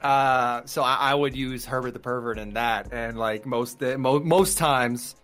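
A man's voice: mid-range voice, measured pace, a bit bright, soft background music. A young man co-hosting a casual podcast, rambling with lots of fillers and easy laughter. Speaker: streamer and podcast co-host. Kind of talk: casual chat.

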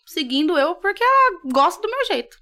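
A woman's voice: very high-pitched, sing-song, a little fast, crowd noise. A woman guest on a podcast, chatting casually and animatedly, laughing often. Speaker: podcast guest, makeup seller. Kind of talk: casual chat.

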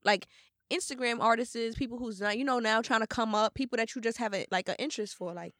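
Female host, rapid-fire and blunt, stuffed up with a cold, casual slangy banter, close dry sound. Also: fairly high pitch, fairly bright tone, no room sound. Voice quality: congested, stuffy-nosed. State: sick with congestion. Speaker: show host and interviewer. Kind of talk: casual, explicit banter and interviewing.

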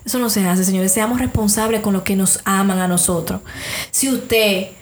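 A woman's voice: mid-range voice, fairly even intonation, normal speed, roomy sound, slight background noise. A woman hosting a podcast, lecturing her listeners emphatically in casual debate. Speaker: podcast host.

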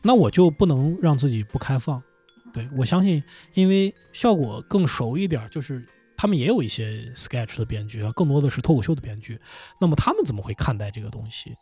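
With faint music behind him, a man on a podcast chats casually about his comedy company in an indoor studio interview. His mid-range voice has a breathy edge and runs a little fast. He gets animated, laughing and cursing when excited.

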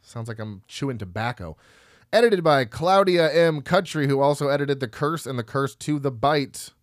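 A man's voice: medium pitch, animated, moderate pace, no echo. Male podcast co-host, casual and self-mocking, trips over names, dead-dry booth sound. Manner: rambling, laughs at himself, stumbles over names. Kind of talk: casual chat reading film credits.

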